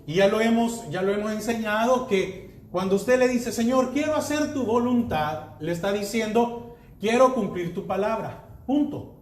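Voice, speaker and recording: A man's voice: very high voice, reverberant. A man pastor preaching a sermon, reading verses aloud and asking the congregation rhetorical questions.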